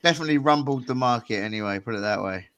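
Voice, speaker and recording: A young man, talking loosely and joking with friends on a podcast. His voice sits at an ordinary middle pitch. He chuckles between lines and keeps the chat relaxed. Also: rapid-fire, smooth. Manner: laid-back, jokey, chuckling. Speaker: podcast co-host. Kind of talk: casual chat.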